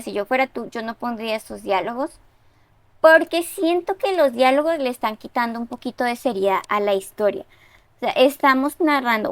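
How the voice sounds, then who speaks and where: A woman reviews a piece of writing in a relaxed, conversational way, peppering her points with little check-in questions. Her voice is fairly high. The sound is dry and close, with no room echo. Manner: conversational, with tag questions and fillers. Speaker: writing reviewer giving feedback. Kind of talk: casual spoken critique.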